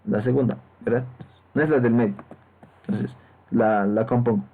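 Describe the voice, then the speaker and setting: A man's voice: mid-range voice, fairly even intonation, moderate pace. A man teaching programming in a step-by-step lecture, often checking in with his students through short tag questions. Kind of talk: screen-recorded lecture. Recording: tinny lo-fi phone-like mic.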